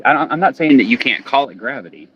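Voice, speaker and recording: A man's voice: medium pitch, animated, fast, a bit bright. A man on a call-in sounding like he talks over an old telephone, arguing his point in a casual group debate with pointed rhetorical questions. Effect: sounds like talking over an old telephone. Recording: muffled lo-fi line with faint noise.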